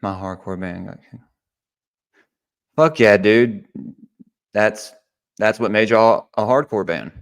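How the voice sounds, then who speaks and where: Laid-back man, low smooth voice. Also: slow pace, long pauses. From Mississippi, USA. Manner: laid-back, swears freely, peppers speech with "dude" and "bro". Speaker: podcast host. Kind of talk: casual podcast chat.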